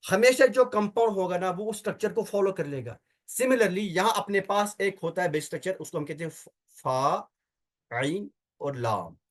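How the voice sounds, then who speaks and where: Man teaching Arabic grammar, raised pitch. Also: animated, moderate pace. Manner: asks rhetorical questions and answers them himself, repeating key terms. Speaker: Tajweed teacher. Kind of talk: classroom lecture explaining Arabic grammar.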